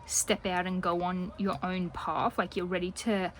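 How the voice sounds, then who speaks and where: A woman giving a casual general tarot reading to her viewers, chatty and rambling, drifting now and then into soft whispers. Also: lowish voice, level tone, unhurried, rough recording. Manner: chatty and rambling, talks a lot. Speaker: tarot reader.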